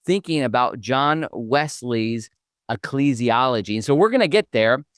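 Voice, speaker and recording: A man's voice: mid-range voice, lively intonation, moderate pace, clear, resonant tone, no echo, studio quality. A man hosting a podcast interview, talking in an upbeat, promotional way. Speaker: podcast host.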